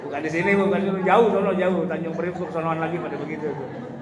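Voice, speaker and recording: Joking preacher. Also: male voice, fairly high pitch, fairly even intonation, fast talker, highs cut off, crowd noise. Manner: humorous, chatty, laughing often, addressing the audience directly. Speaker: Islamic preacher. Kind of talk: informal religious lecture. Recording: echoey hall with loud ambient noise.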